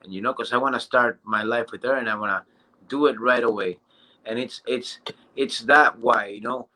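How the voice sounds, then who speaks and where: A man in his thirties speaks in a bright, forceful voice as he gives a casual motivational testimonial. His delivery is eager but halting, full of fillers and restarted phrases. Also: medium pitch, steady tone, rough recording. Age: 30s.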